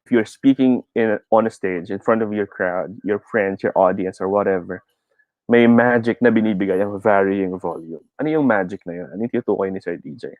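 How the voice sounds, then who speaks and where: Low-voiced Filipino man teaching speech. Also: fairly quick, no room sound, narrow, tinny audio. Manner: explains in mixed English and Filipino, chuckles often. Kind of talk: live online speech lesson.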